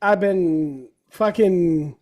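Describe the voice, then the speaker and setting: A man's voice: high voice, drawn-out words, a little mellow. A man co-hosting a casual listening party, talking in a laid-back, upbeat way.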